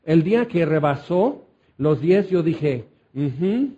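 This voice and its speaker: Guy preaching, chatty asides, mellow slightly high voice, dull lo-fi sound. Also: lively intonation, takes it slowly, husky. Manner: conversational, asides with "¿ok?" and "créeme". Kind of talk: Bible teaching sermon.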